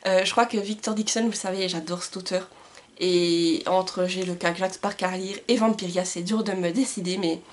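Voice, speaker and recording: A woman chatting casually on her book vlog, enthusiastic and full of little hesitations. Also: mid-range voice. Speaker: book vlogger. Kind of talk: casual book haul chat.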